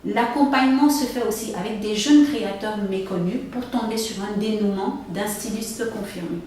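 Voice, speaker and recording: A woman from Cameroon, an event organizer, answering interview questions in a measured, explanatory way. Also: medium pitch, darkish tone. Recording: echoey room, far from mic, faint noise.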